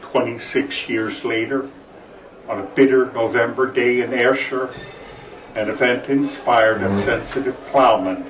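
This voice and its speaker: A man giving a live literary recitation at an open mic in a solemn, deliberate, oratorical manner. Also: mid-range voice. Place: bar open-mic night, distant microphone. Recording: echoey room, distant, faint noise.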